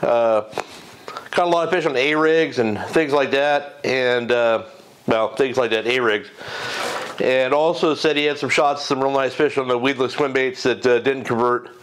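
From a green-screen setup in his home garage, a middle-aged man speaks into a lapel mic for an unscripted fishing report. He has a smooth, mid-range voice at a moderate pace but the audio is poor, and his talk rambles with frequent fillers, restarts and self-corrections.

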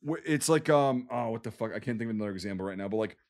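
A man's voice: lowish voice, expressive, racing, a little mellow. Emphatic man with a Wisconsin accent. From Wisconsin, USA. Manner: emphatic, profane, explanatory. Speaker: podcast co-host. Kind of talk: casual war history discussion.

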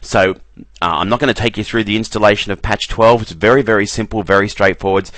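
A man giving a relaxed screen-recorded software walkthrough, often repeating "very, very" as he clicks through menus. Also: fairly low pitch, fast talker, dry recording. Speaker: software trainer.

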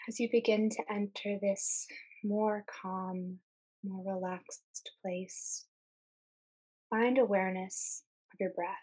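In a soft, husky and breathy voice, a woman leads a guided meditation as calm scripted narration. She speaks very slowly and levelly with little pitch movement, pausing soothingly between short phrases, though the audio quality is poor.

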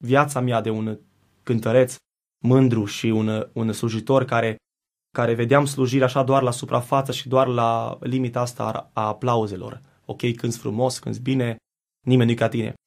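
Creaky-voiced man giving earnest testimony. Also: mid-range voice, little pitch movement, a little mellow. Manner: earnest, reflective, with hesitant restarts. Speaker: guest singer. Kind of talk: personal faith testimony. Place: TV studio.

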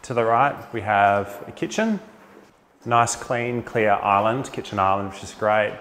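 A man in his forties, an enthusiastic Australian architect, narrates a casual tour inside and around a large suburban house, wearing a clip-on mic. His voice is lowish and a bit bright with lively intonation and a measured pace, and he sounds upbeat, dropping in plenty of fillers. There's a little hiss or hum on the recording.

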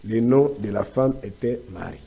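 Male commentator, Congolese accent, mid pitch, warm dark tone; preachy, lecturing, quotes scripture. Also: vocal fry, breathy edge. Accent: Congolese French. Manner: quotes scripture and lectures at length, with halting restarts. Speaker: commentator on church life. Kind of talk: studio discussion, preachy commentary.

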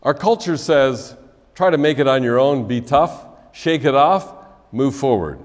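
An older man officiating a wedding, preaching in a measured way with a lively, rising and falling pitch. His phrase endings sink softly, and a long church reverb trails behind every line. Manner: measured preaching, soft drop at phrase ends. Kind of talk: wedding sermon. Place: church sanctuary, indoors.

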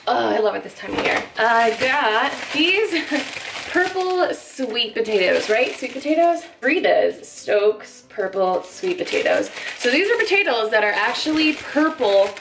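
A young woman vlogger films a casual grocery haul in her home kitchen, chatting to the camera in an upbeat way packed with "like" fillers. Her voice is medium-pitched and a bit bright, with slight background noise.

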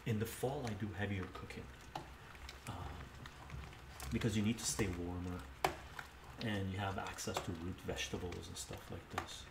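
An older man's deep, creaky voice moves at a moderate pace with a steady tone and frequent pauses. He's hosting a cooking live stream in his home kitchen, chatting easily, reading chat and explaining each step aloud. A camera mic some distance away records him, so the kitchen audio sounds roomy, distant and noisy.

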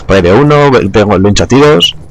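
A young male gaming YouTuber with a low voice chats quickly over gameplay, relaxed, laughing often and swearing casually. Game gunfire and explosions fill the noisy background.

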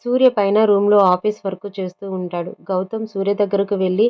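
A woman's voice: medium pitch, steady tone, brisk. A woman narrating a serialized story and reading every character's lines in much the same voice. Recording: dull lo-fi sound.

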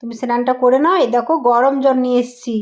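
A woman playing a mother in a doll role-play vlog, coaxing and affectionate, gently scolding. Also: a little high, steady tone, fast.

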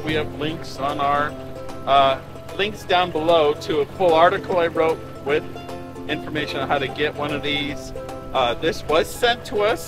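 Middle aged guy doing a casual gear demo outside, kinda high voice, shouting over truck motor, music playing. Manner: raised voice, shouting over a running engine. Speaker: host of an RV camping channel reviewing gear. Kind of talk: casual product demonstration. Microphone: camera a few steps away. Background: running truck engine, music.

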